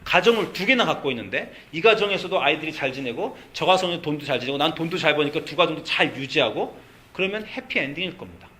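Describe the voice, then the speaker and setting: A pastor in his forties delivers a sermon in a church, talking conversationally and acting out family arguments. His voice sits somewhat high and swings widely in pitch. The delivery is animated and lively. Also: fast. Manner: conversational, animated preaching with quoted dialogue. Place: church sanctuary.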